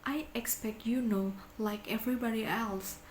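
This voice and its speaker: A woman playing a cold, insistent male bank clerk and blackmailing moneylender in a deliberate, stagey dramatic reading. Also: a little high, steady tone, close to an everyday voice. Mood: earnest, self-justifying. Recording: echoey room with faint background noise.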